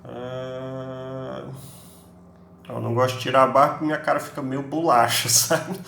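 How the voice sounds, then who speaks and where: A man's voice: mid-range voice, little pitch movement, moderate pace, creaky, a bit bright, slight background noise. A man, an English teacher giving a recorded class lecture in a chatty way, with constant tag questions. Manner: chatty, peppers speech with tag questions, acts out students' questions. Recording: echoey room, faint ambience.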